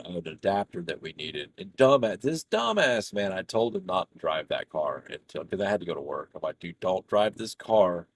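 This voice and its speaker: A deep, husky-voiced gaming streamer laughs his way through a rambling, profane anecdote in casual conversation. The recording is dry.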